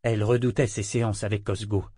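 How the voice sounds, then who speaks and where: Even-voiced male audiobook narrator. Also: fairly low pitch, brisk, breathy edge, no echo. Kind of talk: scripted narration.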